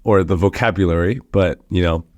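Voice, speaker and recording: Here a young man from Hong Kong, a startup founder, chats as a podcast guest, full of fillers and restarts, with a slight American international-school accent. He speaks a little fast in a deep, darkish voice, with no room sound in the recording.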